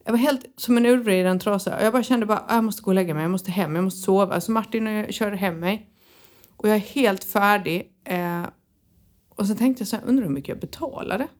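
A woman co-hosting a casual chat, telling a lively anecdote with swearing and laughter. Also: mid-range voice. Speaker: podcast co-host.

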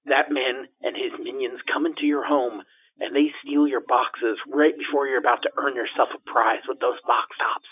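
Comedy podcast: male performer as a jittery landlord, stammering and rambling like an anonymous tipster, voice masked with a muffled lo-fi disguise, mid-pitched. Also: fairly even intonation, normal speed. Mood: nervous. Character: jittery gossiping male building landlord in hiding. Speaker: interviewee. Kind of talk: improvised comedy podcast parody. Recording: dull muffled disguise filter.

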